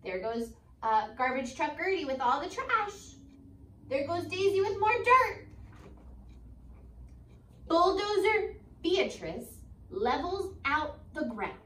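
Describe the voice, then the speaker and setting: With a voice that sits high, a young American teacher in her twenties reads a picture book aloud in her elementary classroom. Her delivery is animated, expressive and deliberate, sprinkled with chatty asides and questions for the kids. A phone camera a few feet away records the roomy indoor space.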